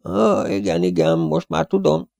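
Brief: male reader playing a fussy, superstitious stout cleaning lady, high shrill chatter, mellow dry audiobook sound. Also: wildly swooping pitch, gravelly, no room sound, exaggerated voice.

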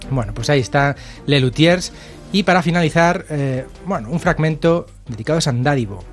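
A man's voice: a little high, fairly quick, soft background music. A man hosting a radio show, talking informally with fillers. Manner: chatty, informal, hesitant with fillers. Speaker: radio host. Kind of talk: radio presenting.

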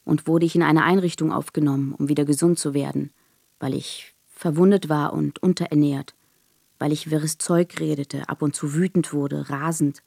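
An actress narrating in first person as a wounded, desperate young woman in a radio drama, speaking in halting, short, fragmented phrases. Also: low voice, fairly even intonation, gravelly, a little mellow, slightly rough, dry recording, clean studio sound, exaggerated voice. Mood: subdued. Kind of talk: scripted radio drama monologue.

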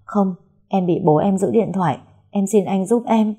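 A woman's voice: medium pitch, moderate pace, breathy edge, voice pushed up. A woman voicing a desperate captive young woman. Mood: pleading. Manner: pleading, hushed. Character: young woman held captive by her family, desperate and pleading.

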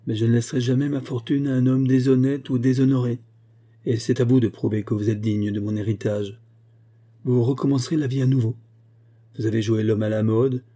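A man's voice: mid-range voice, dark tone, breathy edge, natural voice. A man reading the part of a severe, unforgiving elderly banker who speaks in a commanding way.

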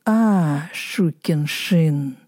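A woman's voice: on the low side, expressive, warm tone, dry recording, studio quality. A woman voicing a wailing, pleading old peasant man who draws out his begging. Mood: gloating. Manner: whining and imploring, drawn-out.

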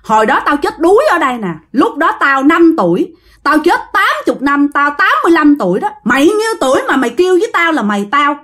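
A woman's voice: high-pitched, big pitch swings, fairly quick, fairly bright tone, pitched above the performer's own voice. A woman voicing a menacing male ghost speaking through a possessed girl, with a growling, threatening delivery. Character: menacing ghost of a drowned boy, now male.

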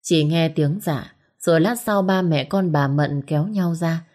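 A woman's voice: deep voice, a little slow, a little mellow. A woman storyteller reading a story aloud in a dramatic, scripted narration.

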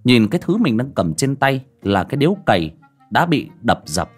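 Brief: male story narrator, very animated delivery, mid-pitched voice, faint music underneath. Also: normal speed, slightly rough. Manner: vivid expressive storytelling.

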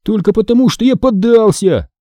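A timid little boy, sulky and sheepish, grumbling his way through, played by a man. The voice is pushed up high with a husky edge and lots of rise and fall. Told like a storybook, close and dry. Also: sing-song, normal speed, dark tone, no echo, exaggerated voice. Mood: cheeky.

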